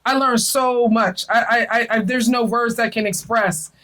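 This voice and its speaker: A woman's voice: a little high, fairly even intonation, moderate pace, fairly bright tone, rough recording. A middle-aged woman hosting a casual spiritual chat, talking earnestly and emotionally, often repeating her phrases. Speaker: podcast host.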